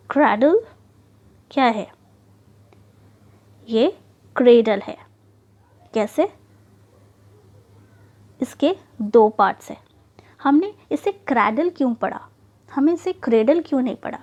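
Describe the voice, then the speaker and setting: A woman teaching English syllables in an online lesson, often checking in with "okay" and "right", and drawing out example words slowly. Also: high-pitched, darkish tone. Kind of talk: online lesson explaining slides.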